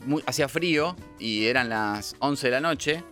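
A man with a Rioplatense Argentine accent co-hosting a comic radio show, reading mock news in a deadpan way. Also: mid-range voice, moderate pace, faint music behind. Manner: deadpan newsreader delivery. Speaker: radio co-host. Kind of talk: mock news reports and banter.

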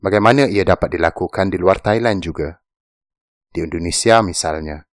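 A man reading an opinion essay aloud in a measured, serious narration. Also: low voice, no room sound, studio quality. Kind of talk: scripted narration.

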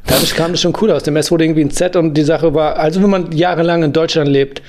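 A man's voice: fairly high pitch, fairly even intonation, quick pace, a little mellow. A man co-hosting a casual podcast, joking with dry, wry humor. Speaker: podcast co-host, comedian. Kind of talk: casual banter.

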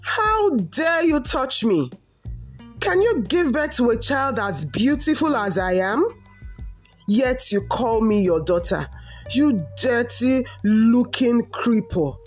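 A woman's voice: on the high side, lively intonation, slow pace, faint music behind, pitched above the performer's own voice. A woman voicing a vain, rude young village girl who snaps contemptuously, in a storybook tale. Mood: scornful. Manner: snapping, contemptuous.

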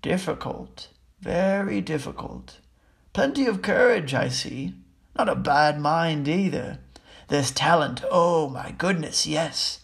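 A man voicing a wise, probing old magic hat that muses slowly and coaxes, with a gravelly voice. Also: a little high, lively intonation, fairly bright tone, full character voice. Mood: musing. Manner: musing, drawn-out and coaxing.

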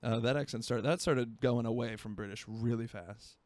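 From his home beside a marina, a man in his twenties from Florida hosts a solo podcast, speaking at a moderate pace in a medium-pitched, slightly mellow voice. He rambles casually and mocks himself, and the recording sounds dry.

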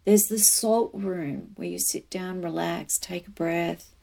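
A woman's voice: on the low side, steady tone, slow, gravelly, dark tone. A woman giving informative travel commentary with personal asides, conversational and explanatory. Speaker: cruise travel presenter.

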